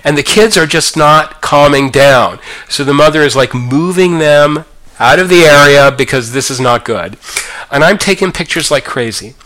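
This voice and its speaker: Amused, bright-voiced man rambling through a story. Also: on the high side, moderate pace. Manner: amused, rambling with many fillers. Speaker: podcast co-host. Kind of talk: casual anecdote telling.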